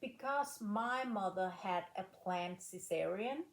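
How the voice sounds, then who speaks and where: Slow, measured woman in her late thirties. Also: mid-range voice, expressive. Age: 30s. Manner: slow, measured, pausing between phrases. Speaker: guest, former rifle shooter. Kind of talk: casual interview answers. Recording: echoey room.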